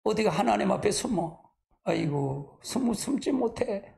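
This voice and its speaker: A male pastor gives a homespun, conversational sermon with a gravelly edge to his voice. His pitch swings widely as he sighs, chuckles and asks the congregation to answer him. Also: animated, a little slow, a little mellow. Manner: folksy and chatty, sighing and laughing often.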